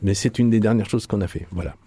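A man guest in a radio studio, calmly describing a program he produced, mostly in short replies. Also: fairly low pitch, fast, slightly rough. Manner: calm, brief replies. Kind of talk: live radio discussion.

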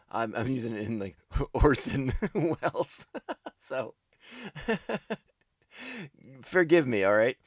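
A man with a low, deep voice talks through a casual podcast commentary, circling back and correcting himself as he goes. His fan enthusiasm comes through, and he laughs at his own slips. The sound is dry and close, with no room around it. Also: no room sound. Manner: rambling, with frequent restarts and self-corrections.

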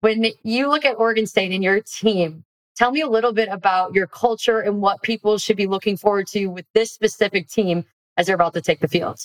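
Young woman, podcast host, former athlete, upbeat, encouraging, mid-pitched voice. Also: fairly quick, poor audio. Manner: upbeat, encouraging, reads ad lines. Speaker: podcast host, former college softball player. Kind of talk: casual interview chat.

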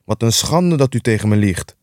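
A man's voice: medium pitch, lively intonation, normal speed, darkish tone, no echo, studio quality, natural voice. A man voicing a pale, dwarfish, secretive man who speaks curtly and snaps into anger, in a book reading. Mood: brusque. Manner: curt, turning suddenly angry.

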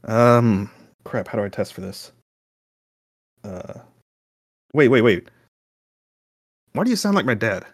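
Rattled adventurer son, played by a man, halting, sarcastic, close dry sound, improvised tabletop fantasy. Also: fairly low pitch, sing-song, no echo, full character voice. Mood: confused, alarmed. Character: rattled, sarcastic son lost and searching for friends. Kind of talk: improvised tabletop role-play.

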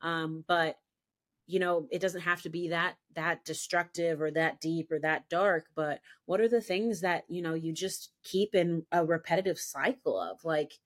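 Here a woman gives her personal testimony on a faith podcast as a guest, speaking at normal speed in a steady, lowish voice. Earnest and emphatic, she circles back over what she's said, repeating "I'm telling you."

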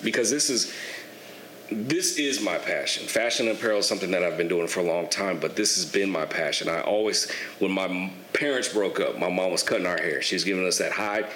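Relaxed and frank, this twentysomething guest, who cuts hair and runs a clothing business, swears offhandedly as he recounts his story on a podcast. His fairly low voice moves briskly, and the echoey recording has a faint hiss.

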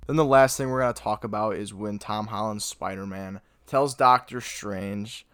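A young man hosting a podcast, reviewing a movie in casual chat, excitable and gushing, with lots of filler words. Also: lowish voice, normal speed, clean tone, no room sound, clean studio sound. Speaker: podcast host.

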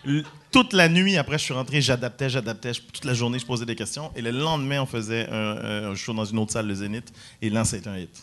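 A man from Quebec, a guest comedian telling animated stories and acting out quotes in high voices. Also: quick pace, hardly any pauses. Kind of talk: casual storytelling.

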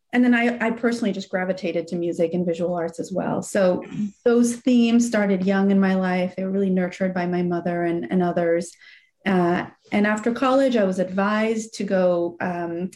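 This Iranian-born nonprofit executive director talks at a normal speed in a medium-pitched voice. She's chatting as a guest in a relaxed interview, recounting her story with soft laughter, fillers, and a warm, reflective tone.

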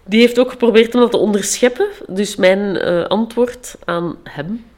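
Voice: medium pitch, normal speed. An author who reads a fairy tale aloud with varied voices, then chats about it with many hesitations. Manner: lively, hesitant with fillers in talk. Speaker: author and storyteller. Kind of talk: fairy tale reading, then interview talk.

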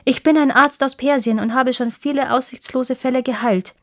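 A woman's voice: sits high, steady tone, normal speed, no echo, clean studio sound, pitched above the performer's own voice. A woman voicing a young male prince, eager and devoted, who speaks urgently and gives commands in a read-aloud fairy tale.

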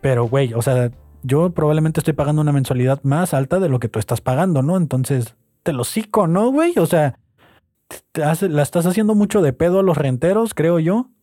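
Slangy Mexican guy with a warm voice. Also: fairly high pitch, expressive, brisk, no echo, clean studio sound, faint music behind. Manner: slangy, laughs and exclaims while retelling gossip. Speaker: podcast host. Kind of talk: casual storytelling.

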